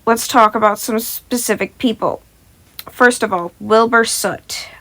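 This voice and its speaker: Her voice is on the high side, bright and forceful, at a slightly slow pace. She's a podfic reader and fan-fiction audio channel host who narrates scripted stories and talks casually to her listeners between them.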